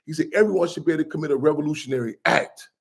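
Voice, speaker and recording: A man speaking as an activist guest on a radio talk show, passionate and quick, often repeating and restarting his phrases. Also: a little high, creaky, husky.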